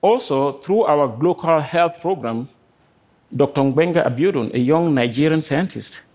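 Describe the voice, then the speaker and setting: A middle-aged man from Cameroon, a scientist giving a prepared talk on stage, speaking earnestly in short measured phrases. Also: a little high, expressive, a little mellow. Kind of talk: prepared talk to a live audience.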